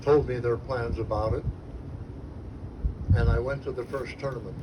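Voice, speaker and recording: A man's voice: medium pitch, fairly even intonation, normal speed. A man in his nineties giving a meandering, reminiscing speech at a gathering. He chuckles now and then and sometimes loses his train of thought. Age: 90s. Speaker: former TV station employee speaking at an event. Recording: distant mic with noisy background.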